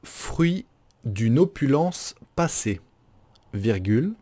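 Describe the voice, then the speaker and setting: Man dictating very slowly, mellow voice. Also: mid-range voice, very animated. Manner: deliberate, carefully articulated, repeating each phrase. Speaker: teacher giving a dictation. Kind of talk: dictating slowly, phrase by phrase with punctuation spoken.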